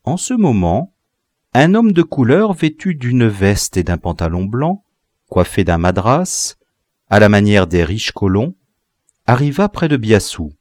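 Slow, expressive male audiobook narrator. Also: lowish voice, dry recording, clean studio sound. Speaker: audiobook reader. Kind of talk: scripted narration of a classic novel.

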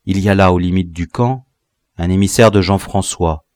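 Man doing a hushed, sly rebel officer. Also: sits low, normal speed, no room sound, studio quality, voice pushed down, lightly acted. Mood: worried. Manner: speaks very quietly.

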